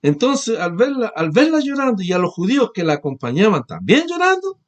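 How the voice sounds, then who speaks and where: High-voiced man preaching a sermon. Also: huge pitch swings, a little fast. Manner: preaching with rhetorical questions, rising and falling in force. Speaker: pastor.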